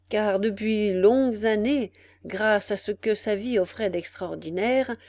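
A woman reading a tale aloud in a slow, measured narration. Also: mid-range voice, darkish tone, no echo. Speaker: storyteller.

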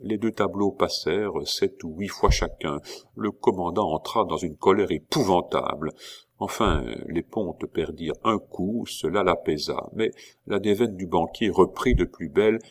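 Deep-voiced man reading a novel aloud. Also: a little slow. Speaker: narrator. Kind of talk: audiobook narration of a novel.

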